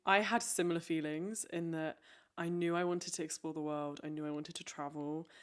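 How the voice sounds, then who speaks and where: A woman's voice: low-pitched, steady tone. A woman hosting an interview podcast, asking eager follow-up questions in a bubbly way. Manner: soft, slow guided-meditation delivery; bubbly, laughs often, quick follow-up questions. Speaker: podcast host. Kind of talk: guided meditation; casual interview chat.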